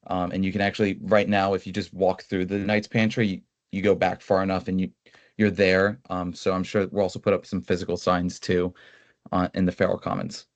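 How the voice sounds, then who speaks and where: A man's voice: sits low, little pitch movement, a little fast, no room sound, dull audio. A young man, the student body president, giving a casual meeting report with lots of fillers. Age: young adult.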